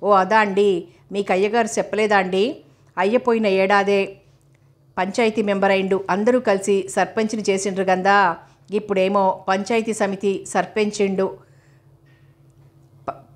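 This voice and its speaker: A woman's voice: mid-range voice, level tone, a little slow, pauses often, close to an everyday voice. Woman doing a chatty village servant. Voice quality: plain dialect, rambling.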